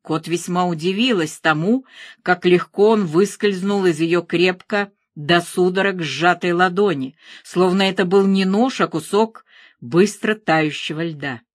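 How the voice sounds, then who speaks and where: A woman narrating a thriller audiobook in a measured, even reading. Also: fairly low pitch, no room sound, studio quality.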